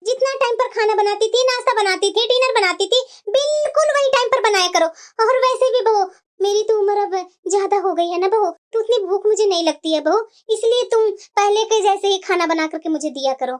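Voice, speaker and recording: A woman's voice: very high-pitched, fairly quick, few pauses, voice pushed down. A woman voicing a fussy, scheming elderly mother-in-law in a cartoon, scolding and coaxing and calling her daughter-in-law again and again. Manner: scolding, coaxing, repeats "bahu". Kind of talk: cartoon voice acting.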